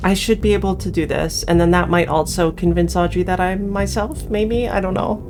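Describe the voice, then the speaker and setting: With game music underneath, this player narrates the text of a visual novel and adds offhand remarks of her own. She speaks at a moderate pace in a fairly low voice with fairly even intonation.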